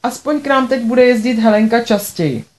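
A woman's voice: on the high side, darkish tone, voice pushed up, close to an everyday voice. A woman voicing a tearful, reproachful middle-aged mother with an accusing, whiny manner.

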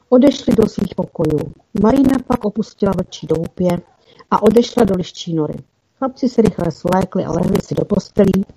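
A woman narrating a children's fantasy story in an even, careful reading style with small slips. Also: medium pitch. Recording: dull lo-fi recording.

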